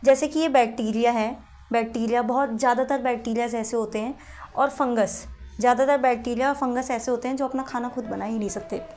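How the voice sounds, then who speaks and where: A woman's voice: a little high, fairly even intonation, brisk, darkish tone, soft background music. Woman teacher explaining biology to students. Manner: explains step by step, calls students "beta", asks them questions. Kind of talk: Hindi-English classroom lecture.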